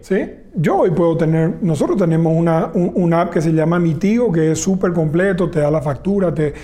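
A man's voice: fairly high pitch, lively intonation, a little fast, dark tone. A man, a telecom executive in a business interview, laying out his points one by one. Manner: explains point by point, enumerating pillars.

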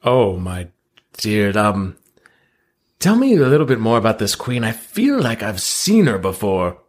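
A man's voice: fairly low pitch, huge pitch swings, measured pace. A man playing in a tabletop role-playing game, speaking in casual improvised chat.

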